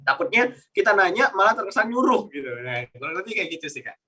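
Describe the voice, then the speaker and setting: A man from Indonesia teaching Japanese in a relaxed online class. His voice is bright and a little high, and he talks chattily with lots of fillers while acting out Japanese intonation. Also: fast, slightly rough. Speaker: Japanese language mentor. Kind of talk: online class Q&A, casual explaining.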